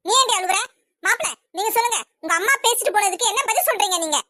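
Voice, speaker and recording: A protective cartoon mother gives firm orders, voiced by a woman. Her tone is commanding and very high. The recording is dry and close. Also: expressive, fast talker, bright, forceful tone, no room sound, full character voice. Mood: stern. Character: stern middle-aged mother defending her daughter.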